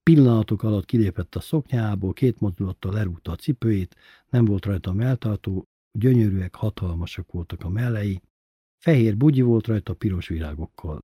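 A man reading a first-person story aloud in a plain, even storytelling manner. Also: fairly low pitch, husky, no room sound, studio quality. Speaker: narrator.

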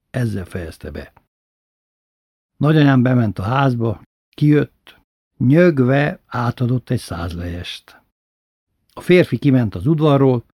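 Husky man reading a lively story. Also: mid-range voice, no room sound, clean studio sound. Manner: lively, expressive reading with voiced characters. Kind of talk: reading a personal story aloud.

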